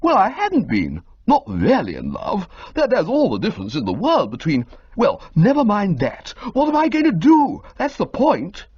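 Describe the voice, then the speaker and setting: A frantic young gentleman, put on by a woman narrator, talking high and agitated, his voice leaping all over the place. The voice is husky. It sits on a dull, lo-fi recording. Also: wildly swooping pitch, moderate pace, hardly any pauses, dry recording. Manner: agitated and breathless, with exclamations. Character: flustered young man-about-town, excitable and dramatic.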